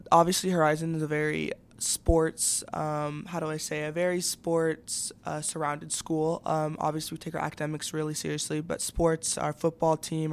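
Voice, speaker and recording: A low-pitched young woman in her late teens, a student athlete guest, gives a casual interview. Her voice carries noticeable vocal fry yet remains clean and resonant, and her intonation is fairly flat. She speaks in youthful phrasing packed with fillers.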